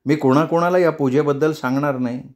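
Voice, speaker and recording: A man's voice: on the high side, fairly even intonation, brisk, a little mellow, natural voice. A man voicing a young, frightened daughter-in-law who pleads tearfully in a storybook reading. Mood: pleading.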